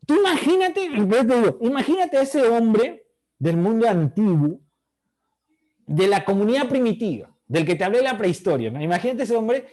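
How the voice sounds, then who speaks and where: A man's voice: high voice, sing-song, normal speed, a little mellow. A middle-aged man teaching an online class, asking the students questions and acting out their voices.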